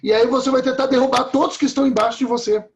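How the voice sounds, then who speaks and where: A man's voice: very high voice, steady tone, racing, lo-fi sound. A man preaching a sermon in a conversational way, often checking in with his listeners.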